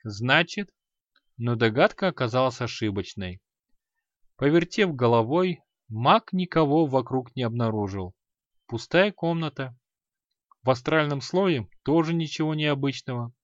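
A man reading a fantasy story aloud in a measured, expressive storytelling manner. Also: mid-range voice, no room sound, muffled recording. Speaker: audiobook narrator. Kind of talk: scripted fantasy narration.

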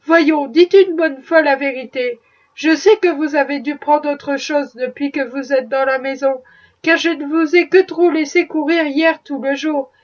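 A woman's voice: high-pitched, steady tone, measured pace. A woman reading aloud, voicing a stern middle-aged spinster aunt who scolds a child. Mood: scolding. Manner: scolding, exasperated. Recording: dull distant recording.

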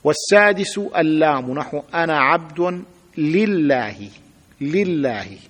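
A man's voice: on the high side, animated, takes it slowly, fairly bright tone. A sheikh teaching a grammar lesson, patiently repeating examples and asking his students to say them aloud. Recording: long hall reverb.

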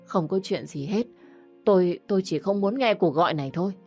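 A worn-down older mother-in-law played by a woman narrator in an audio story. Her low voice stays plain and defensive. She sounds weary. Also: animated, a little fast, dark tone, faint music behind, natural voice. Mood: flustered.

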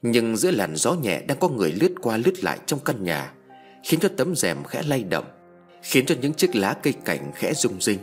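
A man narrating a ghost story in a suspenseful, measured reading. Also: mid-range voice, very animated, faint music behind.

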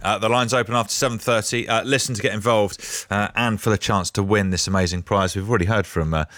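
A man co-presenting live radio in a deep voice. He talks fast but haltingly, close and dry on the mic. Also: steady tone, a bit bright, no echo. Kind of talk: casual live radio chat.

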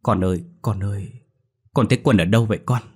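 A man voicing a frantic young mother who is calling loudly for her missing son. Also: fast, husky. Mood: anxious. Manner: shrill calling out, panicked.

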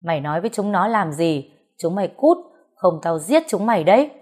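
A woman voicing an enraged middle-aged father who shouts harsh threats at his children in an audio story. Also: lowish voice, fast talker, lightly acted. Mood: furious.

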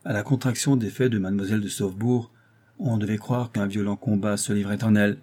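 Male narrator for a classic-novel audiobook, steady delivery, dark timbre. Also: fairly low pitch, fairly quick.

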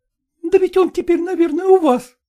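A man's voice: very high voice, steady tone, moderate pace, mellow, pitched above the performer's own voice. A man voicing a distressed young woman who pleads tearfully and snaps with scorn. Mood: pleading.

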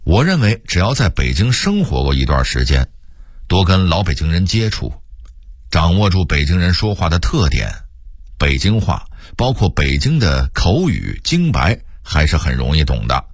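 A middle-aged man reads a scripted radio narration. His voice sits very low and slightly husky, and his pitch swings widely as he imitates local speech. The sound is close and dry, with no room echo. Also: sing-song, normal speed. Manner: explanatory, imitating local pronunciations. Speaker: storyteller narrator.

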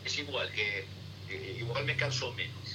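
A middle-aged man, a sailing instructor, answering interview questions in a halting way, full of fillers and tag questions. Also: mid-range voice. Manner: halting, many fillers and repeated "¿eh?". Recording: distant noisy remote line.

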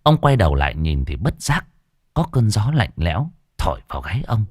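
A man's voice: sits low, big pitch swings, a little fast, breathy edge, no echo, studio quality. A man narrating a ghost story in a dramatic, scripted way. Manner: dramatic, varied delivery.

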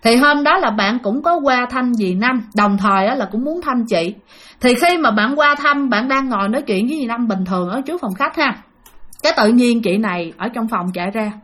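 A woman's voice: a little high, lively intonation, moderate pace, a bit bright. A woman telling a ghost story in a chatty way, speaking directly to her listeners. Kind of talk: spoken ghost story narration.

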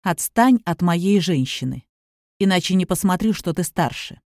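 A woman reading the lines of a calm, authoritative younger man who speaks quietly but firmly. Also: on the low side, moderate pace, dry recording, studio quality. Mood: stern. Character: calm, commanding younger man, protective suitor.

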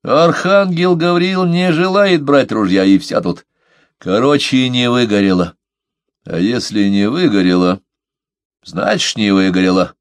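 A man's voice: mid-range voice, a little slow, no echo, clean studio sound, voice pushed up, natural voice. A man voicing a sardonic, scheming sailor who talks in a nasal, sneering, lecturing way.

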